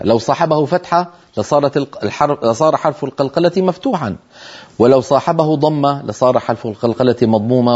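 On a muffled recording, a middle-aged man with a mid-range, slightly rough, a little mellow voice gives a televised tajweed lesson. In a measured, explanatory way, he demonstrates the letter sounds of Quran recitation and asks listeners to try them.

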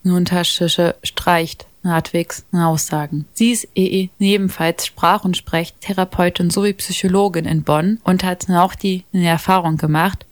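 A woman's voice: on the low side, no room sound. Woman reporter who stutters. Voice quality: stutters, with repeated sounds and fillers. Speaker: radio reporter. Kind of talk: read radio feature narration.

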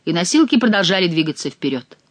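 A narrator reading a classic novel aloud in a close, dry recording with no room sound. The delivery moves between an even telling voice and soft, hushed passages for the quiet moments. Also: mid-range voice, quick pace, no echo. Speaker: audiobook narrator.

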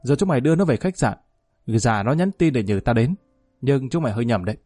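A cold, threatening man growls his lines low and harsh, as a male narrator puts him on. The voice sits deep and mellow in tone, dry and close, with faint music underneath in this audio story. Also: animated, quick pace, dry recording, natural voice. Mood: menacing. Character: cold menacing male police gangster.

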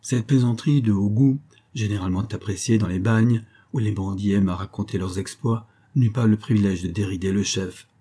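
A man reading a novel aloud as an audiobook narrator, with measured, dramatic storytelling. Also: on the low side, dark tone, breathy edge. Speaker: audiobook reader.

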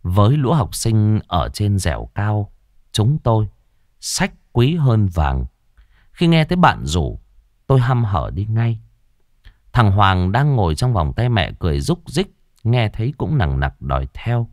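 Dramatic, lively male horror storyteller. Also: lowish voice, a little slow, dry recording, clean studio sound. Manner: dramatic, suspenseful reading. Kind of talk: scripted horror narration.

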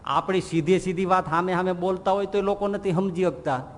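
In a lively sermon full of funny anecdotes, a high-voiced swami speaks fairly quickly, voicing the characters and laughing at his own punchlines. Faint noise sits beneath a long, echoing hall reverb.

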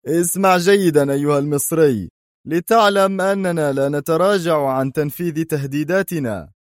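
A hoarse, fierce hijacker leader, as a male narrator puts him on, taunting and threatening. His voice rides well above a plain speaking pitch and sounds close and dry. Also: expressive, normal speed, no room sound, lightly acted. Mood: sneering. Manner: sneering, threatening.

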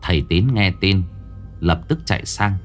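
Low-voiced man telling a horror story. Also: normal speed, faint music behind. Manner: dramatic, expressive storytelling.

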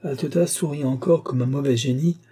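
A male audiobook narrator reads classic fiction in a steady, literary way. His voice is mellow and dark, with a slightly husky grain. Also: mid-range voice, a little fast. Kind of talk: scripted narration.

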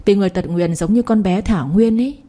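A woman's voice: mid-range voice, quick pace, warm tone, natural voice. A woman voicing a scheming old grandmother with a scornful, cutting way of talking. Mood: coaxing. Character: scheming old grandmother, sharp-tongued and cruel.

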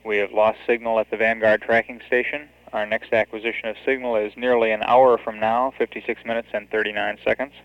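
An American man giving measured, matter-of-fact status commentary as a space mission control announcer. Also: lowish voice, flat delivery. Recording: dull lo-fi 1970s NASA audio, roomy echo.

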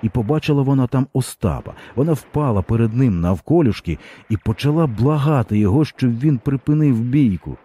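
A man narrating a literary story in a dramatic, expressive audiobook reading. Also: mid-range voice, a little fast, breathy edge.

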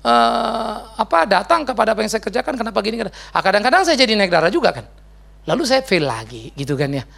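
Lively, gravelly-voiced preacher. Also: male voice, sits high. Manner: lively, humorous, acts out quoted prayers. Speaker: pastor. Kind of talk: sermon. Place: church.

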